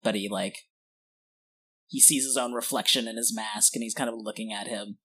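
A man acting as game master, improvising scene narration for a tabletop game in a halting, drawn-out way. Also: lowish voice, fairly even intonation, bright, forceful tone, slightly rough. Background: guitar music.

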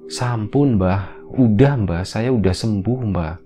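A man's voice: on the low side, slow, dark tone, faint music behind. A man voicing a confused young wife in a spooky storybook tale, speaking politely.

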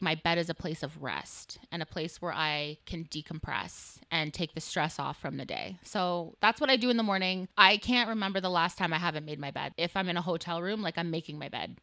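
A woman's voice: fairly low pitch, a bit bright, no room sound. A woman in her twenties talking casually to camera about her daily routines, chatty and full of "like" fillers. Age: 20s. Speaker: vlogger. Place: her small apartment.

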